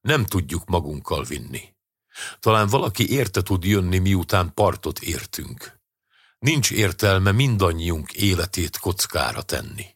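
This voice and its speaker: A man's voice: sits low, sing-song, a bit bright, husky, dry recording, clean studio sound, full character voice. A man reading the lines of a tired, anxious man in a sinking boat, sounding weary and pleading. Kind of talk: audiobook dialogue reading.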